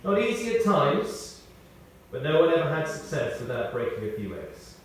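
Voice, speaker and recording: This British eulogist's voice sits a little high as he reads a prepared memorial tribute featuring comic anecdotes. He speaks in a measured narrative style, animated in intonation, pausing and pressing on important words. The recording is distant and strongly reverberant, with faint noise.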